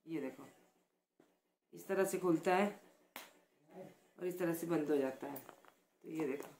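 A woman from Himachal Pradesh talking softly and chattily in a casual vlog, showing gifts and praising them again and again. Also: deep voice, measured pace, slight background noise. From Himachal Pradesh, India. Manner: chatty and affectionate, repeats words of praise; speaks softly, close to the mic. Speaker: vlogger.

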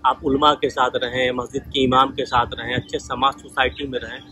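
A man's voice: medium pitch, flat delivery, a little fast, pushed and bright, rough recording. A man telling personal stories in a casual monologue, acting out the lines of people in them. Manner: conversational, retells dialogues in quoted voices. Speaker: vlogger sharing life lessons.

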